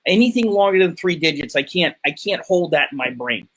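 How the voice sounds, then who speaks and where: A man's voice: fairly high pitch, lively intonation, fairly quick, a bit bright. A man who lectures in physics, explaining casually over a call with many restarts. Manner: rambling, restarts often.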